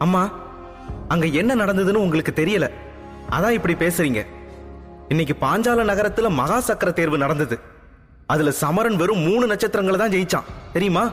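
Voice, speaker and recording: A man voicing a proud, quick-tempered young princess who talks high, fast and indignant. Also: expressive, a bit bright, in a large hall, soft background music.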